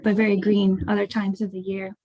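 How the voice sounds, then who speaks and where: An American woman from rural Ohio, a startup co-founder, gives an informal, conversational webinar talk over an indoor online video call. Her voice is medium-pitched and dark, brisk, with little pitch movement and no room sound.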